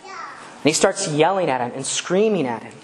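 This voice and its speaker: A woman's voice: deep voice, expressive, moderate pace, slight background noise. A woman preaching a sermon in a conversational way, asking rhetorical questions and stopping to correct herself.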